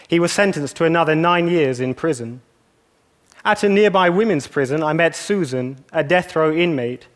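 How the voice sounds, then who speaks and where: A young man from England giving a measured, earnest talk to an audience. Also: on the high side. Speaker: speaker. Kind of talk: scripted talk.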